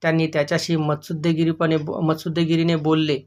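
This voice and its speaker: A male teacher reads a children's history lesson aloud. His pitch stays fairly level and sits slightly high for a man, with little rise or fall. He reads steadily and stops now and then to point out the pictures. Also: monotone, quick pace, a little mellow.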